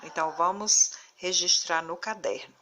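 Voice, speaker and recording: A woman teacher giving a recorded video lesson, reading word lists slowly and deliberately and stressing syllables. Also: on the low side, steady tone, pushed and bright, a little hiss or hum.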